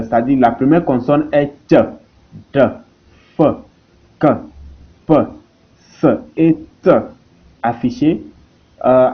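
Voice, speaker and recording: A man teaching a language lesson, who slowly repeats each example word and phrase. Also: mid-range voice, phone-quality sound.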